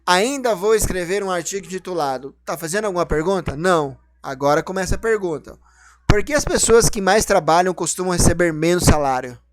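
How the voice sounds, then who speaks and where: A man's voice: high voice, animated, fairly quick, no room sound. A man teaching a grammar lesson, explaining each rule and then asking and answering his own questions.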